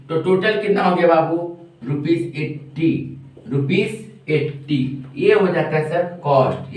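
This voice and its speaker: A man with a high voice teaches a lesson slowly, asking a question and then answering it himself. He sounds a little unwell. He is recorded from a distance in a very echoey room. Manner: talks slowly, keeps asking questions and answering them himself, calls listeners "babu". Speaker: commerce tutor. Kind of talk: online lecture working through a problem.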